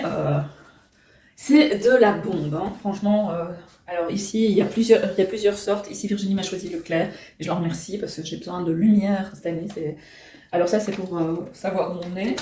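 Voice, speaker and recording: A woman's voice: fairly low pitch, warm tone, slight background noise. A middle-aged woman chatting casually to camera as a book vlogger, hesitant and self-mocking, at home. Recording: roomy and a bit distant.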